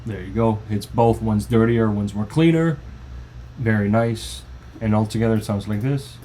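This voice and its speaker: A man's voice: on the low side, normal speed, mellow, a little hiss or hum. A man, a music producer, giving a loose, informal tutorial walkthrough of his own song. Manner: loose, informal explaining with restarts. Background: faint music playing.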